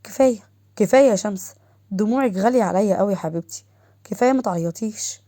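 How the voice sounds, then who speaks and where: A woman's voice: medium pitch, quick pace, mellow, dry recording, studio quality, lightly acted. A woman voicing a soothing Egyptian husband. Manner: soothing, affectionate. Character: tender devoted husband, soothing.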